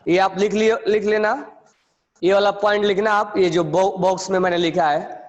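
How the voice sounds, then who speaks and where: A man teaching a chemistry class, explaining quickly, then repeating phrases slowly so students can write them down. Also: high voice, fairly even intonation, long reverb tail, dull audio. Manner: mixes quick explanation with slow dictation. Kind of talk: classroom lecture, dictating notes.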